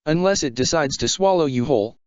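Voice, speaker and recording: A man's voice: fairly high pitch, animated, a little fast, clear, resonant tone, no room sound, lightly acted. A man reading the lines of a stern young woman warrior in a story, with a curt, annoyed delivery. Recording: dull lo-fi sound.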